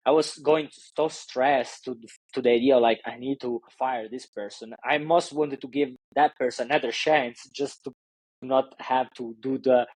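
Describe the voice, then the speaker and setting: A man's voice: mid-range voice, fairly even intonation, moderate pace, a little mellow, no echo, poor audio. A man with an Italian accent speaking as a business coach in a casual interview, in loose non-native English full of fillers and restarts. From Italy.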